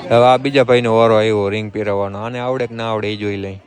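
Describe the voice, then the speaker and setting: A man's voice: fairly low pitch, steady tone, fast. A man vlogging a friend's wedding outdoors, joking and ribbing his friends as he films on a handheld phone. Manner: teasing, joking banter with friends. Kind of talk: casual handheld wedding vlog. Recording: loud crowd chatter around.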